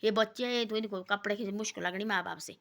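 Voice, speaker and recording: A woman's voice: medium pitch, steady tone, fast, creaky, a bit bright. A woman telling casual moral stories in a rambling, repetitive way, dropping her voice to quote people. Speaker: storyteller giving moral talks. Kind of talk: casual moralizing folk storytelling.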